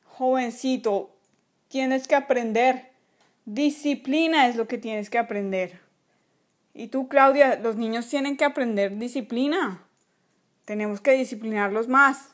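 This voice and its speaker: A woman's voice: a little high, a little slow, natural voice. A woman voicing a strict, bossy toy father who scolds and barks orders in a toy play video. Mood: stern.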